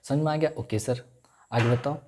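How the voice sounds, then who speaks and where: A male law lecturer, teaching in a classroom style. He keeps asking his listeners to repeat the key terms and stretches out English legal phrases slowly. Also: mid-range voice, mellow, a little hiss or hum. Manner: repeats key terms as call-and-response questions.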